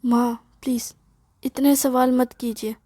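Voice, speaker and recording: A woman's voice: high-pitched, level tone, slow, mellow, no room sound, studio quality. A woman voicing a flustered young adult son who whines and stammers out excuses to his mother. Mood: pleading. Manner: whiny, pleading, stammering. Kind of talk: storytelling dialogue.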